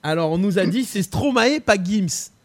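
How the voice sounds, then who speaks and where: A chatty male host with a fairly high voice runs a live quiz show. He repeats phrases, hesitates with fillers, and keeps the banter going. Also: lively intonation, normal speed. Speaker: host running a song quiz and prank calls. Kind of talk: lively live-stream chat.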